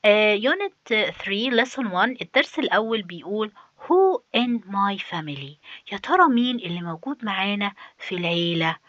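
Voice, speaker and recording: A woman with an Egyptian Arabic accent teaches young children English, drawing out English words slowly and coaxing them along. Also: mid-range voice, expressive, a bit bright, dry recording, highs cut off. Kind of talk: children's lesson, explaining a textbook.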